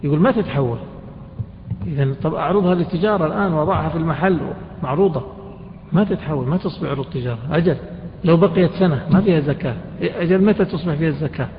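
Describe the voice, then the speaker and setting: A man's voice: fairly high pitch, very fast, slight background noise. A man teaching a jurisprudence class, often quizzing his students with questions and colloquial asides. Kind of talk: classroom lecture explaining a text. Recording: dull reverberant lecture hall recording.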